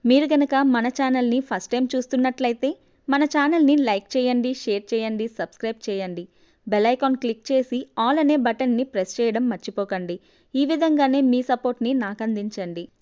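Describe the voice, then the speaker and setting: A woman narrates a domestic audio story in a steady, expressive reading voice. Her tone is warm and mellow, pitched a little high, and the recording sounds dull and lo-fi. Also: a little fast, smooth.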